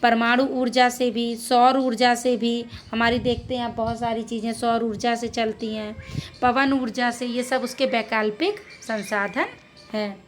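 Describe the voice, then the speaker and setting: A woman's voice: on the high side, flat delivery, a little slow, faint music behind. A woman teacher explaining a school geography lesson, reading each question and answer and then repeating it in simple words.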